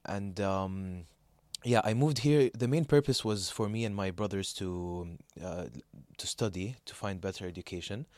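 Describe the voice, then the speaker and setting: A man's voice: lowish voice, normal speed, darkish tone, no room sound. A young man from Saudi Arabia co-hosting a podcast, chatting loosely with plenty of fillers, restarts and laughter. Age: young adult. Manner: rambling, laughs a lot, many fillers and restarts. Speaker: podcast co-host. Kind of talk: casual chat.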